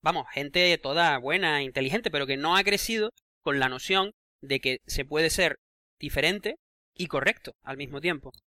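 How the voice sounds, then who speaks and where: A man talks things through in a casual podcast chat. His voice is bright and sits fairly high. He hesitates often and fills his pauses as he thinks. The sound is dry and close. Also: dry recording. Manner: reflective, hesitant, with many fillers. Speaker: podcast co-host. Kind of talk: casual conversation.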